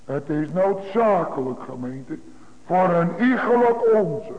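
High-voiced preacher over a tinny line. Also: male voice, lively intonation, slow pace, a crowd in the background. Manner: emphatic, repetitive preaching cadence. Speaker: pastor. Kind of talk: sermon. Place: church. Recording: tinny phone-like broadcast in a large reverberant church.

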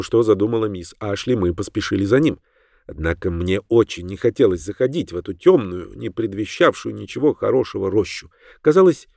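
Measured male audiobook narrator. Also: medium pitch, darkish tone, no echo, clean studio sound. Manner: measured, dramatic storytelling.

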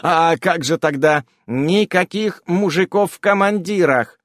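A man reading an audiobook, voicing a fussy, chattering magical footnote character with a quick, eager patter. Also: high-pitched, fairly bright tone, dry recording, studio quality, pitched above the performer's own voice.

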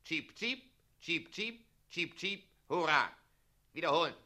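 An actor playing a fussy, pedantic town mayor in a radio play, drilling the townsfolk on how to say their lines. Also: male voice, on the high side, big pitch swings, slow, bright, forceful tone, full character voice. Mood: bossy. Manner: bossy and pedantic, coaching others' delivery, then servile.

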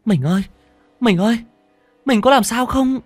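A man voicing an elderly village wife who laments in a high, shrill voice. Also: moderate pace, no room sound, soft background music. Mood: frantic.

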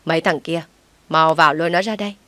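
A woman's voice: low voice, steady tone, fast, dry recording. A woman voicing a furious, vengeful wealthy wife who barks orders. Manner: domineering, shouting orders.

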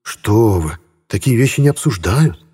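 A man's voice: fairly low pitch, animated, a little slow, mellow, breathy edge, exaggerated voice. A man playing a proud, courtly Italian prince who speaks gallantly and emphatically.

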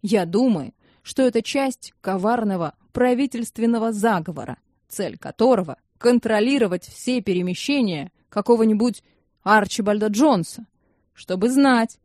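A woman's voice: mid-range voice, expressive, darkish tone, no echo, close to an everyday voice. A woman voicing a sardonic older man. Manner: dry, slow, sardonic.

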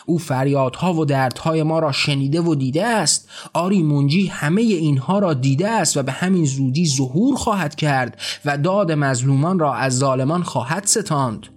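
A man's voice: a little high, few pauses, close to an everyday voice. A man voicing a fearful, pious male servant who urges patience in an audiobook drama. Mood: pleading. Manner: placating, then commanding. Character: timid, pious male servant, submissive believer.

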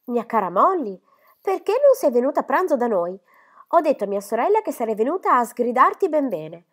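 A woman voicing a flustered, chatty middle-aged spinster who talks in high, gushing bursts. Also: big pitch swings, a little fast. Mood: chattering. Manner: gushing, high, breathless apologies.

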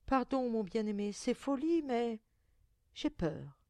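A woman's voice: on the high side, lively intonation, slow, warm tone, dry recording, pitched above the performer's own voice. A woman reading a story aloud and voicing a young village bride who speaks in a tender, pleading, breathless way. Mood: uneasy.

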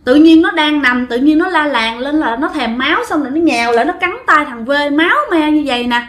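A man's voice: extremely high pitch, fairly quick, a bit bright, reverberant. A woman voicing a frightened young man who scolds and coaxes his cousin in a ghost story. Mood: alarmed. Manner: exclaiming, pleading.

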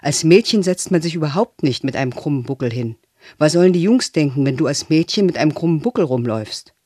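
Male audiobook narrator, even matter-of-fact delivery, slightly high pitch, dry close recording. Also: quick pace, no echo.

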